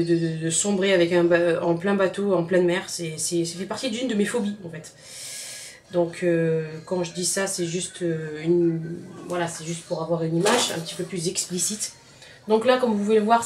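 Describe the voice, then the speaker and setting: This home cook has a fairly low, steady, slightly mellow voice at normal speed, with a little hiss or hum in the recording. She has a Southern French accent and casually walks viewers through a recipe in her home kitchen, addressing them directly and repeating words a lot.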